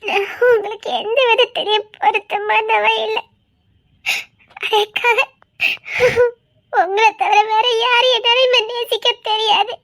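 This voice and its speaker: Woman acting a weeping, pleading young woman, very high pitched, audio drama heroine. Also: fairly even intonation, unhurried, a bit bright, heavily acted. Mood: desperate confession. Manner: weeping, pleading, laughing through tears. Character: tearful young woman torn between love and a forced mission.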